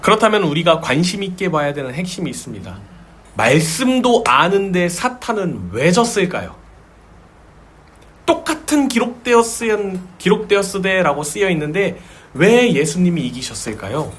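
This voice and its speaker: A man's voice: a little high, big pitch swings, moderate pace, fairly bright tone, husky. A male pastor preaching a sermon, stressing his points and repeating key words for emphasis.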